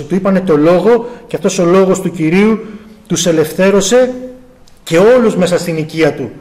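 Man preaching with fervour, high-pitched voice, rising to cries and dropping low. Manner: impassioned, swings between loud exclamations and low intense tones; rhetorical questions to the congregation. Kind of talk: sermon.

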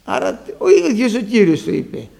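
A man preaching a sermon, emphatic, rising to high loud peaks as he addresses the congregation. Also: sing-song, vocal fry.

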